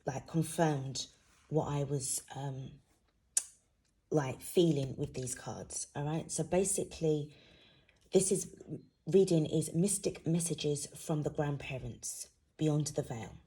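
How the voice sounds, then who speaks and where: Sleepy, low, husky woman doing a reading. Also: takes it slowly, pauses often, warm tone. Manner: sleepy, drowsy. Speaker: host, intuitive card reader. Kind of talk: informal spiritual card reading to viewers.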